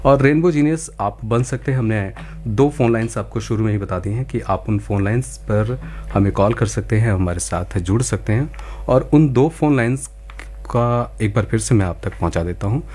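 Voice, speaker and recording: A man's voice: fairly low pitch, moderate pace, darkish tone, slight background noise. Polite, encouraging male radio quiz host. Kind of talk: live phone-in quiz presenting in Hindi with some English.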